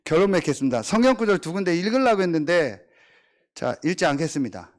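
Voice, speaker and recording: A middle-aged man preaching a sermon as pastor, swinging between emphatic, drawn-out declarations and chatty, joking asides about his family. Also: fairly high pitch. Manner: animated, emphatic preaching with drawn-out stressed phrases.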